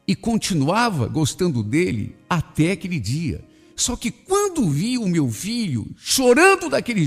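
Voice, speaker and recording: A man's voice: on the high side, husky. A man hosting a radio show, reading a listener's story in the first person with emotional, indignant delivery. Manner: emotional, swinging between indignation and pity.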